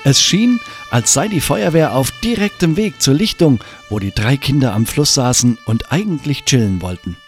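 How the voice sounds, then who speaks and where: A man narrating a children's storybook in an expressive, lively way. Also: mid-range voice.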